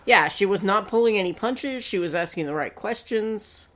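A woman co-hosting a podcast in casual chat, quick to tease and share her opinions. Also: mid-range voice, animated, a bit bright. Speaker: podcast co-host. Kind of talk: casual chat recapping a dating show.

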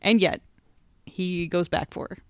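A woman's voice: lowish voice, steady tone, unhurried, no room sound. A woman co-hosting a podcast, chatting enthusiastically about a TV episode with the occasional dry, sarcastic aside. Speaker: podcast co-host. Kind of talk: casual chat about an old TV episode.

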